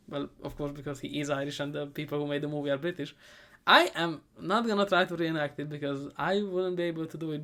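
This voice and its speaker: A man giving a comedic movie recap, sarcastic and profane, rambling and often trailing off into quieter asides. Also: a little high. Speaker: movie reviewer.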